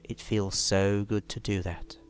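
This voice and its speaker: A man leading a guided relaxation in a soothing, measured way, leaving long pauses between instructions. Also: fairly low pitch, flat delivery. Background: music.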